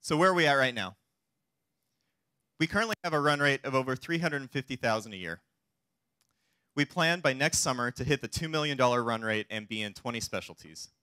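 Man giving a confident, bright startup pitch. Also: expressive, a little fast, long pauses, no room sound. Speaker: startup chief executive pitching investors. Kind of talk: rehearsed investor pitch. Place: theater stage, indoors.

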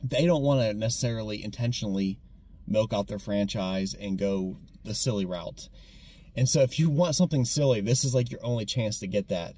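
A young American man giving a casual, animated movie review, often restarting his sentences and repeating words when excited. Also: lowish voice, a little fast. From United States. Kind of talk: casual conversational film review.

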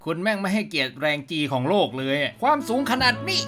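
A man's voice: high voice, sing-song, fast talker. A man doing a comedic game review voice-over, cheeky and slangy, with game music behind him. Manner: playful, cheeky, slangy joking.

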